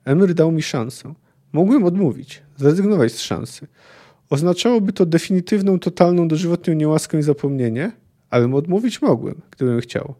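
A man reading the part of an earnest, lovesick young knight, in a calm, plain voice. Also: a little high, fairly quick, close to an everyday voice.

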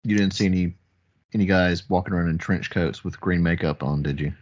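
A man co-hosting a podcast in relaxed, casual conversation. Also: sits low, a little fast. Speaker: podcast co-host. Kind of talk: casual chat. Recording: dull, muffled sound.

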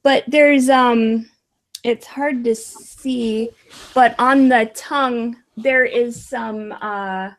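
A woman's voice: a little high, fairly even intonation, extremely slow, poor audio. A woman explaining things in casual conversation.

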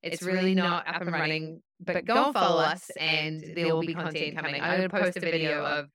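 Lively woman telling stories on a podcast. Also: low-pitched, fairly quick. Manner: lively storytelling, animated quoting. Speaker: podcast host. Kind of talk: podcast conversation.

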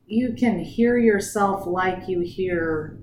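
A woman's voice: mid-range voice, slow pace, a little mellow, roomy sound, a little hiss or hum, low-quality recording. A woman co-hosting a podcast in casual chat, joking and teasing as she talks. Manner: jokey, teasing, laughs often. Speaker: podcast co-host.

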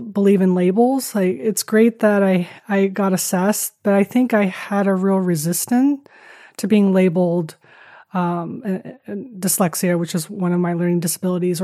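A woman's voice: mid-range voice, warm tone, no room sound, clean studio sound. A woman from Taiwan, speaking candidly and a little hesitantly as an interview guest, with a self-deprecating touch. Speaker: podcast guest.

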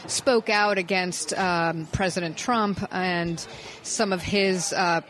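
A woman reporter co-hosting a political news podcast, calmly explaining background details in a casual chat. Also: lowish voice, slow pace, low-quality recording.

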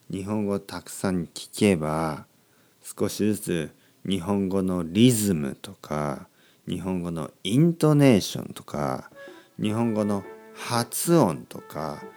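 Slow, gravelly man teaching Japanese. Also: deep voice, a little mellow. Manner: repetitive and encouraging, repeats key words many times. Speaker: podcast host teaching Japanese. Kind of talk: slow, simple Japanese for learners.

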